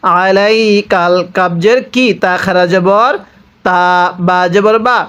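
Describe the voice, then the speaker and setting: Male Quran teacher from Bangladesh, unhurried and methodical, spells out each letter step by step. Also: high-pitched, fairly bright tone, smooth, lo-fi sound. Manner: methodical, spells out each letter and vowel mark, asks and answers his own questions.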